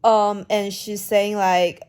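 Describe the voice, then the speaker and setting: Quiet slow-speaking woman with a Chinese accent. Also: mid-range voice, flat delivery, smooth. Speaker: vlogger. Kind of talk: casual late-night vlog.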